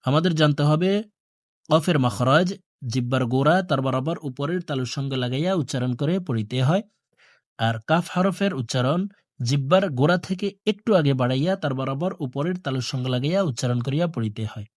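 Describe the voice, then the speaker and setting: A man teaching Quran reading, slowly chanting letter-and-vowel drills and breaking off now and then to explain pronunciation in quicker asides. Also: mid-range voice, no echo, studio quality. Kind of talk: slow drilled recitation of Arabic letter sounds.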